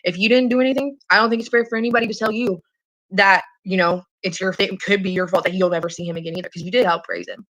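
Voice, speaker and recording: On a private phone call, a woman talks casually but earnestly, rambling and hesitating, often repeating herself and swearing offhandedly. Her medium-pitched voice is steady and fairly bright, and she speaks at a quick pace.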